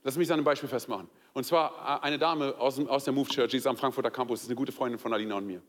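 A young man from Germany preaching a sermon in a lively, conversational way, full of fillers and direct questions to the listeners. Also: mid-range voice, rapid-fire. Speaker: pastor. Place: church hall. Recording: long hall reverb.

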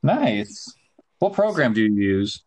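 This podcast host is a young Ohio man whose mid-range voice is very animated, though he talks slowly. The chat is casual, and he stays laid-back, using plenty of slang.

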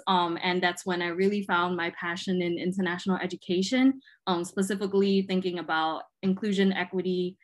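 A woman's voice: mid-range voice, a bit bright. A young woman from Malaysia, a graduate student guest on a podcast, talking casually with lots of "um" fillers over a call. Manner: chatty, many "um" fillers. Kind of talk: casual interview talk. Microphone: video call.

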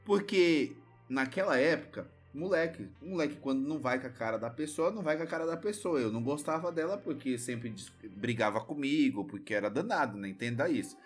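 A man with a Brazilian Portuguese accent spins a story in relaxed podcast chat. His voice sits at an ordinary mid pitch and stays lively, and he swears freely as he plays his younger self. Faint music runs underneath. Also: brisk, few pauses, breathy edge.

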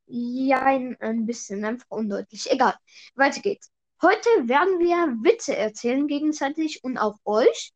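A woman with a high, animated voice, speaking a little slowly, hosts a casual podcast where she eagerly tells jokes and explains the punchlines. Her lo-fi mic gives her a slightly robotic echo.

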